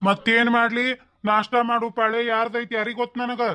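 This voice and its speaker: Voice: mid-range voice, level tone, brisk, pushed and bright, clean tone, lightly acted. Someone doing a grumbling old village father-in-law. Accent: North Karnataka Kannada. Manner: grumbling, complaining. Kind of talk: cartoon comedy voice acting.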